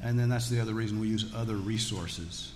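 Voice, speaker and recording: Speaking fairly quickly in a fairly low, slightly mellow voice, this male Bible teacher keeps his scripture lesson folksy and conversational, dropping in jokes. The audience asks questions during the religious teaching. The setting is a big, echoey room full of listeners, and the recording carries hall echo and background noise.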